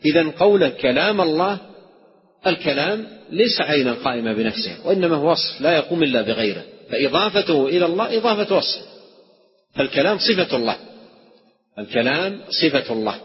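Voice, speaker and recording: A man's voice: a little high, animated, quick pace. A man teaching a creed text as a religious scholar, who explains by repeating key phrases and asking questions, then answering them. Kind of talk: classroom lecture on theology. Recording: dull recording in a hall with long reverb.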